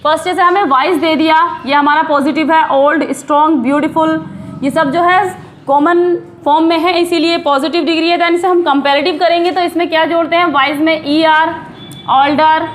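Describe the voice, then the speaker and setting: Woman, grammar teacher, high voice, patient explaining, slight background hiss. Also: steady tone. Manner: explains patiently, slowing down to read English examples. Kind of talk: classroom-style grammar lesson.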